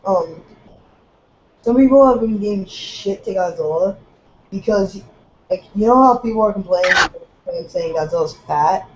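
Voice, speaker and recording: A woman's voice: mid-range voice, lively intonation, moderate pace, noisy background. A woman talking in a casual, profane and offhand way as co-host of an online chat. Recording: dull lo-fi, music behind.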